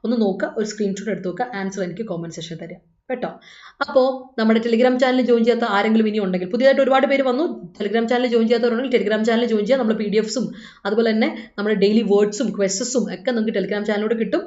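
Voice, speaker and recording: A woman's voice: a little high, rapid-fire, darkish tone. A woman with a Malayali accent teaching an English exam class live online, chatty and coaxing her students. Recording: echoey room, dull lo-fi sound.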